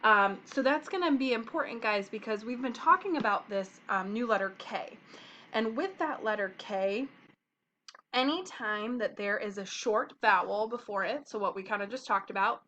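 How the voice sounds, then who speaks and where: A young woman gives kindergartners a phonics lesson, patiently sounding out letters and short vowels one at a time. Her voice is on the high side and fairly bright, in a dull lo-fi home recording.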